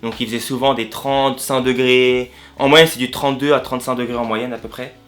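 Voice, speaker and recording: Fast-talking French man, slangy vlog chat. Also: medium pitch, fairly even intonation, fairly bright tone. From France. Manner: slangy, repeats and rephrases himself. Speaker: vlogger. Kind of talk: casual storytelling vlog. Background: faint guitar music.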